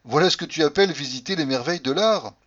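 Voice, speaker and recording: A man's voice: a little high, animated, fast, fairly bright tone, voice pushed up. A tender, wistful young woman, as a male reader puts her on speaks in a raised, lilting voice. The audiobook sound is dull and lo-fi. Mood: gently reproachful.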